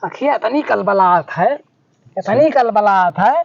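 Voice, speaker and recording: High, plaintive Awadhi man. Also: animated, unhurried, creaky, dry recording, highs cut off. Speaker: patient in a comedy sketch. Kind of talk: rustic Awadhi comedy skit.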